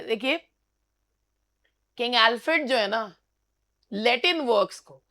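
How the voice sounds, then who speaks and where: Slow, high-voiced woman teacher. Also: a bit bright. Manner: explains slowly, asks and answers her own questions. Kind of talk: exam-prep literature lecture.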